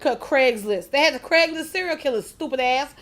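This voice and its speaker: A woman hosting a reaction video, talking straight to her viewers with loud, profane, laughing disbelief. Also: high-pitched, expressive, brisk. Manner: addresses viewers directly. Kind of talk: casual reaction commentary.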